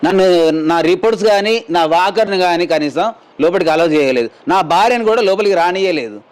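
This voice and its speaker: With an expressive, clear, resonant high voice and a brisk pace, an injured mine worker from Telangana, India, gives his account to a news camera. He tells it in a plain, rambling manner and quotes others along the way.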